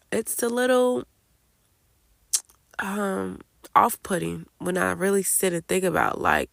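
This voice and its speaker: Stuffed up with a cold, this woman in her late 20s runs a laid-back solo podcast, talking openly and leaning on "like" and "I don't know." Her medium-pitched voice is creaky and fairly bright, recorded with no room sound.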